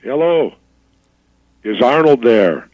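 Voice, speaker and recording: A man on a phone call, answering in a halting, guarded way. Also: medium pitch, big pitch swings, no room sound. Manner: halting, guarded, many restarts. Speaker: call recipient. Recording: dull phone-line sound.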